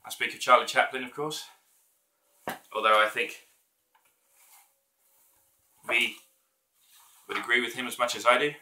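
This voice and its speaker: A man's voice: mid-range voice, fairly even intonation, measured pace, long pauses, sharp tone. A man who performs solo theatre, chatting casually to viewers as he signs off. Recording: echoey room.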